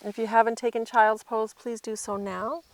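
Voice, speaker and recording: A woman yoga instructor gently talking a class through poses as she does them herself. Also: a little high, flat delivery, normal speed. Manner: gentle cueing while demonstrating the poses herself.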